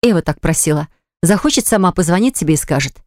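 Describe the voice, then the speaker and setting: A man voicing a calm young woman in an audiobook, cool and slightly mocking. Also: a little high, quick pace, no room sound, clean studio sound, close to an everyday voice. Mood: cool, teasing.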